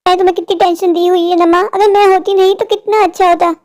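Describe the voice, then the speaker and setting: A woman's voice: very high voice, brisk, a little mellow. A woman voicing a sad young woman in a cartoon story, who speaks in a despairing, pleading way because she is mocked as ugly.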